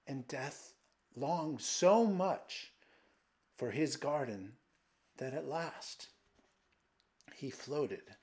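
A man reads a fairy tale aloud in an unhurried, deliberate way, with a mid-range voice. He builds atmosphere by dropping into hushed, whispered passages. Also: mid-range voice, expressive. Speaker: storyteller and translator. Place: old mill, indoors.

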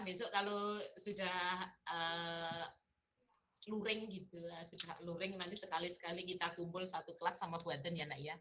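A woman's voice: low voice, bright, forceful tone. A woman lecturer with a Javanese accent, chatting playfully with her students on a video call, laughing often and teasing. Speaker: university lecturer. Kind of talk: casual chat with students in an online class.

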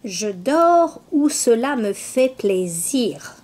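Carefree male butterfly, breezy, self-assured, high, drawn out, a woman putting it on. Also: sing-song, extremely slow, darkish tone, full character voice.

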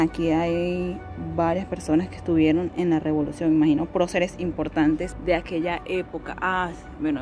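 A woman's voice: fairly low pitch, darkish tone. A woman vlogging as she tours an outdoor cemetery, chatty and exclamatory, wondering aloud about what she sees. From Venezuela. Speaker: travel vlogger. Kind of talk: casual tour commentary.

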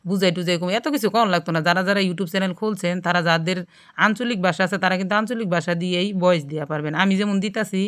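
Fast, chatty woman with a Gazipur accent. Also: on the low side, a bit bright, smooth. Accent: Gazipur regional Bangladeshi Bengali. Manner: chatty, talks straight to viewers with frequent check-ins. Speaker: cooking channel host. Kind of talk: casual cooking vlog narration.

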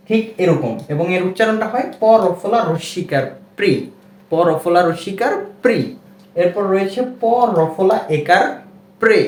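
A man's voice: high-pitched, echoey room. A man with a Bangladeshi Bengali accent teaching a reading lesson, patiently spelling out and repeating each sound.

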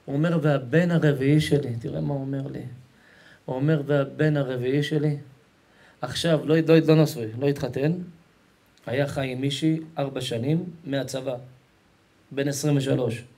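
The voice is a man's, medium in pitch, warm and creaky, with fairly even intonation: a rabbi giving a Torah lesson to a live audience. Emphatic and repetitive, he speaks affectionately and colloquially to the crowd and keeps calling for their attention.

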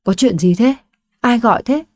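A woman's voice: a little high, normal speed, no room sound, pitched above the performer's own voice, natural voice. A woman voicing a stern older father who scolds harshly. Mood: angry scolding. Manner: scolding, sharp.

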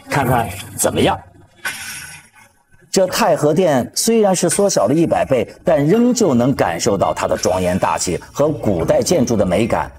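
A man narrates like a conversational presenter explaining things to viewers. His mid-pitched voice moves up and down in a lively way. Music plays underneath. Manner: conversational, explaining with rhetorical questions. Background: background music.

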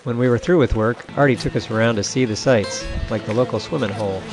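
A man's voice: mid-range voice, quick pace, a little mellow. A man giving scripted, wry voice-over narration for a travel video. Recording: music beneath the voice-over.

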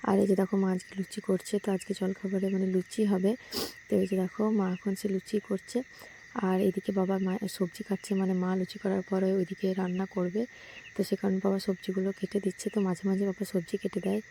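A young woman talks fast and chatty through her daily vlog, in a level, mellow voice. She recorded it on a phone at home and in shops, with faint outdoor noise behind her. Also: medium pitch, completely flat delivery. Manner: chatty, many fillers, addresses viewers as friends. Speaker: vlogger. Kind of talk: casual daily vlog narration.

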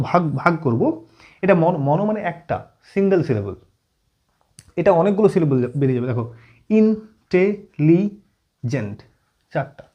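A man teaching an English grammar lesson at a whiteboard, often checking in with his students and slowing down as he writes. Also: fairly high pitch, mellow, lo-fi sound. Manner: frequent check-in questions to students; writes on board while explaining, slowing down.

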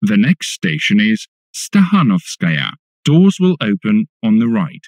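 A man making recorded subway announcements, formal and deliberate in the way he announces stations. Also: fairly low pitch, wildly swooping pitch, a little mellow, no echo. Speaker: English-language metro announcer.

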